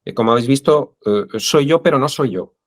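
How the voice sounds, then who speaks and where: A man's voice: mid-range voice, animated, fairly quick. A man with a Spain Spanish accent, interviewed as an expert guest, who speaks hesitantly with many fillers. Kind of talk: interview conversation.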